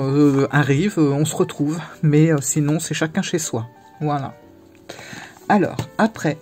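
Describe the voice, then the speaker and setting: Chatty, halting woman vlogger. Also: deep voice, warm tone. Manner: chatty, halting, self-interrupting. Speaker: tarot deck vlogger. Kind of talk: casual chat to camera.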